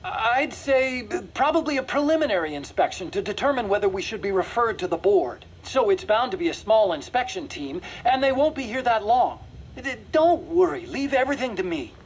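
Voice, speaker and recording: An actor playing an eager, reassuring engineer in a video game, talking persuasively with small hesitations. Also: male voice, high-pitched, big pitch swings, brisk, a little hiss or hum. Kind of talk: video game voice acting, mission briefing dialogue.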